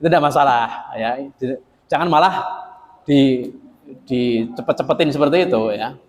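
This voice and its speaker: A man's voice: medium pitch, normal speed. A man preaching a sermon to a local congregation, folksy and joking, speaking straight to the audience. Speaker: Islamic preacher. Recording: long hall reverb.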